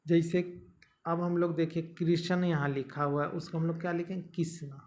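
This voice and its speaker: A man's voice: fairly high pitch, fairly even intonation, brisk, a little mellow. A young man teaching an exam-prep grammar lesson, explaining step by step and checking back his students.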